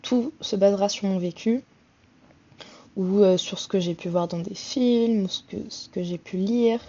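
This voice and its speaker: The host of this solo podcast is a woman from France in her twenties who talks casually, often hesitating and restarting with lots of fillers. Her medium-pitched, mellow voice moves a little slowly, and the audio is dull.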